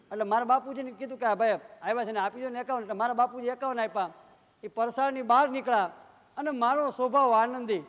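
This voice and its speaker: A Gujarati comedian with a strikingly high voice, spinning folk stories before a live crowd. He jumps between voices as he acts out each exchange, playful and lively. His voice rings with the long reverb of a big venue, heard through a stage microphone. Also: fairly quick. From Gujarat, India. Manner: playful storytelling, acting out dialogue with shifting tones.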